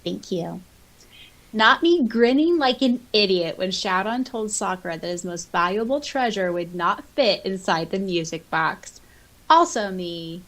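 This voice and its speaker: A woman who co-hosts a podcast and voices audiobooks chats casually and reads out listener comments, enthusiastic and giggly. Her medium-pitched, fairly bright voice has lively intonation and a measured pace.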